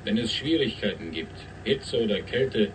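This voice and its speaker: An actor playing a calm, evasive male spaceship captain who soothes with repeated phrases, in a radio drama. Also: fairly low pitch, moderate pace, slight background noise, lightly acted, rough recording. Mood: soothing. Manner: soothing, repetitive, detached.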